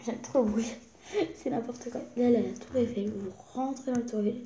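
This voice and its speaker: A young woman from France chats through a casual show-and-tell vlog, excitable and slipping now and then into whispers. Her voice sits fairly high with a mellow tone. The room around her is echoey. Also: normal speed, slight background noise. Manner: chatty, excitable, drops into whispers. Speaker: vlogger.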